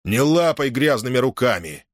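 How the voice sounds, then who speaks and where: Gruff, proud strongman of the village, read by a male narrator. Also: medium pitch, sing-song, normal speed, no room sound, studio quality, voice pushed up. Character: strong proud old-school village man.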